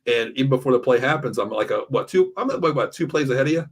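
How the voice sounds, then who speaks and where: A man co-hosting a casual sports talk show, excitable and rambling, who gets hyped up as he talks. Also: medium pitch, quick pace, slightly rough. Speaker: podcast co-host. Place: home.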